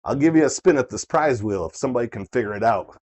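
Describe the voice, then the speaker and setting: A man working as a bingo caller, hosting a live game with playful, excitable showmanship, repeating the numbers and chatting casually with players. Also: mid-range voice, quick pace. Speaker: bingo caller and host of a live online bingo night. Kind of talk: bingo caller, calling numbers twice amid casual chat.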